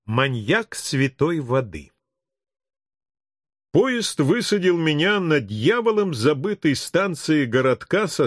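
A man reading an audiobook in an expressive, measured manner into a close studio mic. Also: fairly high pitch, no echo. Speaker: audiobook narrator. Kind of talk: scripted audiobook narration.

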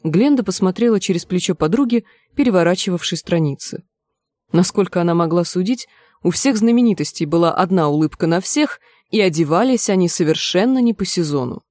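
A woman narrating an audiobook in an even storytelling manner. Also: fairly low pitch, fairly quick, no echo. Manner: even storytelling, acts out the dialogue. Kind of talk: scripted narration.

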